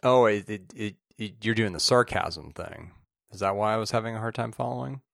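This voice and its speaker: A man's voice: lowish voice, a little fast, creaky, fairly bright tone, dry recording, studio quality. A man co-hosting a podcast, easygoing and agreeable, stammering as he starts sentences. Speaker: podcast co-host. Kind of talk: casual podcast chat.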